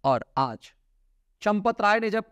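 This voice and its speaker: A middle-aged male host delivers forceful political commentary from a studio desk, his fairly high voice rising and falling with emphasis. The lapel-mic sound is close and dry, with no room around it. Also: sing-song, slow pace, clear, resonant tone, no echo. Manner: emphatic, swinging pitch with sharp drops at phrase ends. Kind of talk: opinionated news commentary to camera. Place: indoor studio with virtual set. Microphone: lapel mic, seated at desk.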